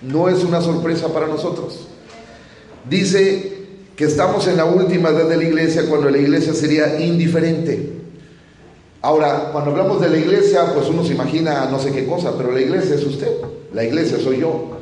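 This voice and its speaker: A man's voice: fairly high pitch, fairly even intonation, brisk, warm tone. A man preaching a sermon in church, speaking earnestly and often addressing the congregation as brother. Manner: earnest, addresses listeners as "hermano". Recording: echoey church hall from a distant mic.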